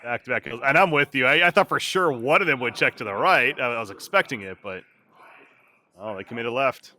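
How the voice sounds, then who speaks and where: A man's voice: medium pitch, brisk. A man working as an esports caster, giving live play-by-play commentary on a game. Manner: excitable during action, relaxed between rounds.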